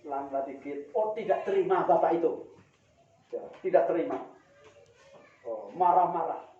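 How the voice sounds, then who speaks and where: A man's voice: a little high, lively intonation, unhurried. A man giving a monthly religious study talk, telling anecdotes with quoted dialogue and chuckling as he addresses the audience directly. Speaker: preacher. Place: hall of a religious gathering. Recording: distant, echoey, dull lo-fi room recording.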